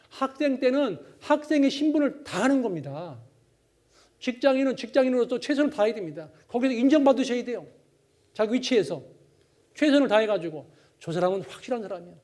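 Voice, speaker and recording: A man giving a Bible lecture as a sermon, telling a story in a lively way and acting out its people. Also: high voice. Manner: animated, acts out the people in his stories.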